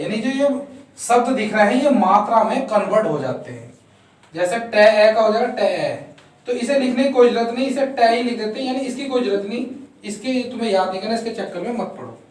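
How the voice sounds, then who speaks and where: A man teaching a shorthand lesson step by step, counting out strokes and answering his own questions. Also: high-pitched. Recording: very echoey room, voice far from mic.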